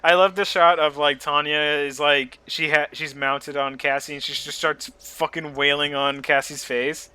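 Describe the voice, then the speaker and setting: A man's voice: on the high side, moderate pace, few pauses. A man co-hosting a podcast, chatting casually and retelling scenes with jokes and laughter. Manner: joking, animated retelling with laughs. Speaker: podcast co-host. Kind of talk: casual chat.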